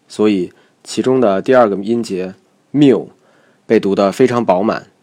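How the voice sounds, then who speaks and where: A man with a very low voice narrates a recorded language lesson. He explains each point step by step in a measured, methodical way. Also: darkish tone. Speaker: English pronunciation teacher.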